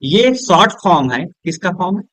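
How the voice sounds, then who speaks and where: A man with Hindi-accented English, teaching a lesson at a board, asking questions and answering them himself, softer and lower on each answer word. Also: very animated, a little fast, no echo. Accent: Hindi-accented English words. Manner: drops low and soft on the answer words; keeps checking with "is that clear?".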